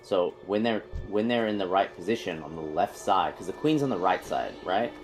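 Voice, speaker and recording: A man's voice: deep voice, lively intonation, normal speed, soft background music, rough recording. A man leading a game raid over voice chat, explaining positions in a rambling way with many fillers and restarts. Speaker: raid leader.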